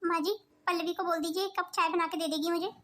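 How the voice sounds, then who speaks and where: A woman's voice: very high voice, level tone, quick pace, bright, forceful tone. A woman voicing a sweet, hardworking elder daughter-in-law in a cartoon, speaking politely and soothingly. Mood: gentle. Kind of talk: cartoon voice acting.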